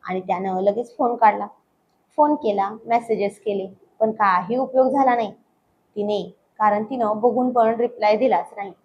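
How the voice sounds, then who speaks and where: A woman narrating a romantic family story in a steady, intimate way. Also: medium pitch, moderate pace, muffled recording, a little hiss or hum.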